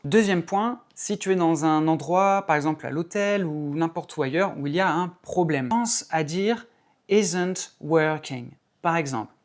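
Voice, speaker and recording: A French-speaking man teaching travel English, spelling words out and modelling phrases slowly. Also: on the high side. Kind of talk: language lesson.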